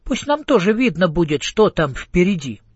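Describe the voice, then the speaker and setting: A man voicing a chorus of tiny, fussy goosebump creatures in a storybook, shrill and bossy. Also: sing-song, moderate pace, darkish tone, husky, no room sound, exaggerated voice. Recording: slightly muffled audiobook.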